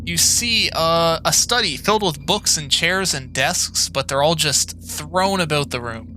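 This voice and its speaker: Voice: medium pitch, lively intonation, unhurried, pushed and bright, slight background noise, low-quality recording. A game master giving improvised narration for a tabletop game in an amused, giggly manner.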